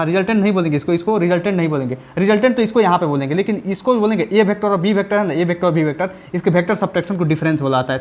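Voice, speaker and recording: Fast-talking male physics teacher. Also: fairly high pitch. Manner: repeats checks for understanding, chatty and colloquial. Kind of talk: classroom lecture at a whiteboard.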